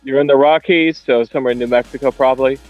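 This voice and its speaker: A man's voice: medium pitch, steady tone, highs cut off, soft background music. Joking man with a slight lisp. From southwestern United States. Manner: joking, quick comebacks. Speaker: guest caller. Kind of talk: casual banter on a voice call.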